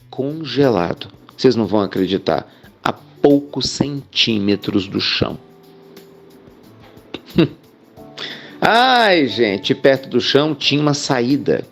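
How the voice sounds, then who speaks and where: A man's voice: mid-range voice, highs cut off. A man, a spiritual speaker telling an inspirational story in a chatty way. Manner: chatty, addresses listeners as "gente" with frequent "né".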